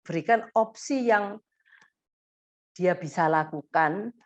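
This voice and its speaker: A woman therapist giving gentle advice to parents in a live question-and-answer session, thinking aloud as she goes. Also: lowish voice, takes it slowly, muffled recording, a little hiss or hum.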